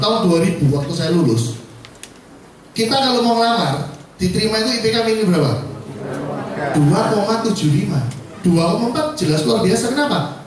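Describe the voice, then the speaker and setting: A man giving a motivational talk to a class, joking and poking fun at himself. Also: high voice. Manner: joking, self-mocking, lively with laughs. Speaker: motivational speaker. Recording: echoey room, far from mic.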